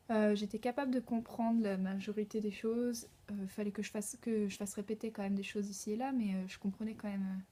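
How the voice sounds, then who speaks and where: A woman's voice: medium pitch, dark tone. A young woman from France, chatting casually to her vlog audience in a hesitant way with lots of fillers. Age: young adult. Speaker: au pair vlogger. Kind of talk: casual vlog chat to camera.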